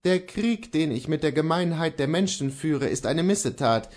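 Casting: male reader doing a proud outlaw horse dealer, pitched well up, insistent and earnest. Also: animated, normal speed, a little mellow, natural voice. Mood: defiant earnest.

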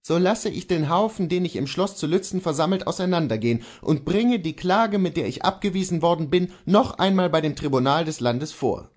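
A man's voice: fairly high pitch, lively intonation, brisk, hardly any pauses, pitched above the performer's own voice. A man reading the part of a proud, defiant male horse dealer turned outlaw, speaking earnestly and insistently.

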